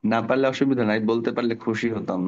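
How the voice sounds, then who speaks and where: A man's voice: mid-range voice, fast, dull audio. A middle-aged man teaching an online spelling class to children, explaining patiently and asking the class questions.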